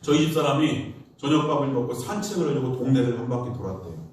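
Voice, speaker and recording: Korean pastor preaching in an echoey church. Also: male voice, medium pitch, animated, quick pace, darkish tone, recorded from a distance, slight background noise. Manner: storytelling preacher, acts out quoted voices. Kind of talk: Sunday sermon. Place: church sanctuary.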